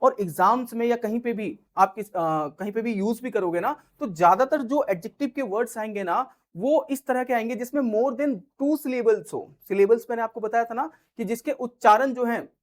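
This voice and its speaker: A man teaching English grammar, who reads example sentences slowly and keeps checking that students follow. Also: very high-pitched. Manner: slow, drawn-out reading of English example sentences; explains patiently, with frequent check-ins to students. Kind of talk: grammar lesson in Hindi.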